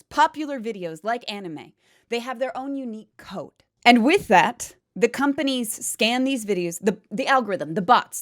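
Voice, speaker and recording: A woman video commentator giving an opinion to viewers in an emphatic, explanatory manner. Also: a little high.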